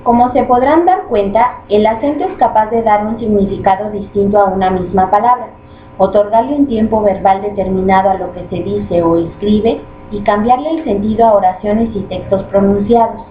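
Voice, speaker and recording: A woman with a mid-pitched voice reads a grammar lesson evenly, explaining each rule. The recording is dull and lo-fi, with a faint hiss behind it. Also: normal speed. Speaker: student presenter. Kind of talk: reading a grammar lesson aloud. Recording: muffled lo-fi recording with faint noise.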